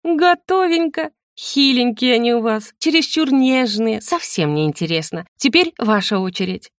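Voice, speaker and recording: A woman's voice: fairly high pitch, sing-song, moderate pace, no room sound, clean studio sound. A woman voicing a cheeky, nosy ghost girl who drawls and mocks with theatrical flair. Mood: smug. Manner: mocking, drawling, theatrically plaintive.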